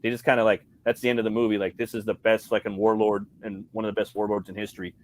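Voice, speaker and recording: Fast-talking man raving about movies. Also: fairly low pitch, little pitch movement, slight background noise. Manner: rambling, heavy swearing, slangy. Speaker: podcast co-host. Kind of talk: casual movie chat.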